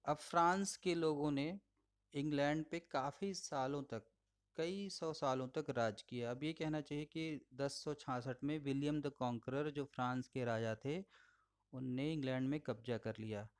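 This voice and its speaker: A man giving a recorded audio lecture, explaining patiently, addressing listeners as friends and slowing down to model words. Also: medium pitch, clear, resonant tone. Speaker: English teacher.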